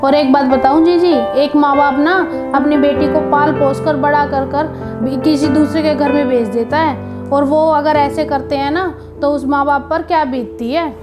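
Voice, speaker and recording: A woman voicing a sensible, kind middle-aged relative who reasons calmly and admonishes. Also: high-pitched, normal speed, lightly acted. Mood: admonishing. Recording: piano music behind.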